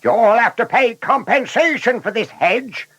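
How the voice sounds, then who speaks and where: A man voicing an angry middle-aged shepherd in a storybook, shouting and indignant. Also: very high-pitched, a little slow, slightly rough, no echo, voice pushed up, heavily acted.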